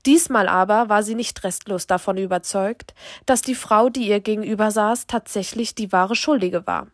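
A woman reading a crime novel aloud in a steady, measured narration. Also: mid-range voice, dry recording, clean studio sound. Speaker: audiobook narrator.

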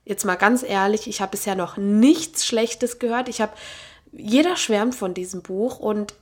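A woman's voice: medium pitch, a little slow, a little mellow. A woman reading aloud from a novel and then chatting casually about the book, with many fillers and restarts. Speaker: book reviewer.

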